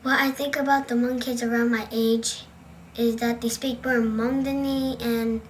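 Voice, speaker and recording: A teenage girl from the United States speaking in a halting, unsure way in a documentary interview. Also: a little high, level tone, slight background noise, poor audio. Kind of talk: personal testimony in a documentary interview.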